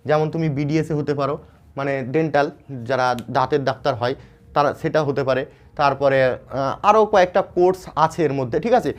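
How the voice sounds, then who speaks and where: A man's voice: on the high side, normal speed. A man from West Bengal with a Bengali accent, teaching students in an informal explainer. He keeps checking in with them and often restarts his phrases. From West Bengal, India. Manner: informal, repeats "ঠিক আছে?" to check understanding, frequent fillers and restarts. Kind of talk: explainer lesson addressed to students.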